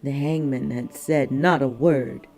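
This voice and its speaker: A man narrating a historical thriller audiobook in a measured, deliberate way. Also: medium pitch, fairly even intonation, darkish tone, soft background music.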